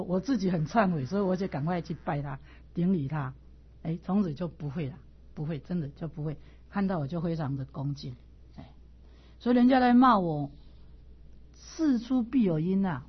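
A middle-aged woman with a husky, breathy voice teaches a class in a casual, animated way. She tells stories and stumbles over her words when she starts again. The recording sounds dull and lo-fi. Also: fairly low pitch. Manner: animated storyteller, repeats words and stammers on restarts.

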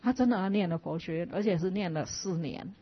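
A Buddhist nun from Taiwan, telling stories in a chatty way and acting out the dialogue with lively jumps in pitch. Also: female voice, brisk, husky. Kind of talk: casual storytelling talk. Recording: dull lo-fi recording.

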